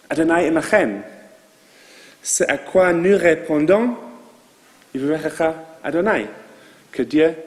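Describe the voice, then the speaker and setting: Slow-spoken rabbi, non-native French accent. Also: male voice, a little high, in a large hall. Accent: foreign accent in French. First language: not French. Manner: slow, measured delivery with asides to the audience. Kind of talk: sermon to a congregation. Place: synagogue.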